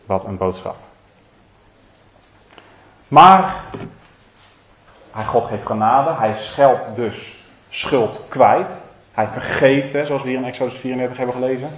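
A man's voice: mid-range voice, measured pace, long pauses, slight background noise. A man preaching a sermon, often asking his listeners direct questions and restarting his sentences. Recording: roomy, slightly dull recording.

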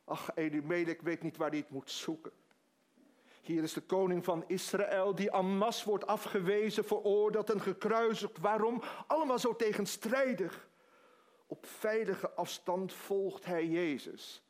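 A man's voice: high voice, fairly even intonation, a little slow. A man preaching a sermon, retelling a story dramatically with quoted dialogue.

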